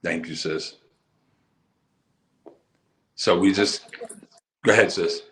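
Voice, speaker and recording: Deep-voiced man, emphatic and roomy. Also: slow, slight background noise. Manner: emphatic, animated storytelling. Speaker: interview guest, musical poet. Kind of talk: casual conversational interview.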